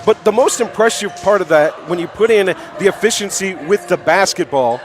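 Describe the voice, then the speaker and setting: A high-voiced American man, a sports radio play-by-play host, delivers emphatic pregame basketball stats at a moderate pace. Background noise is audible behind him.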